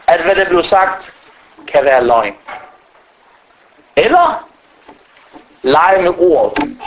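A man's voice: high-pitched, slight background noise, rough recording. A man giving an informal religious talk, telling stories and acting out the voices of the people he quotes. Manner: animated, acts out quoted speech. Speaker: Islamic preacher.

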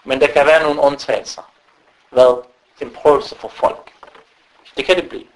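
A man giving an animated sermon as a preacher, breaking into recited Arabic quotations. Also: medium pitch, poor audio. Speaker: Islamic preacher.

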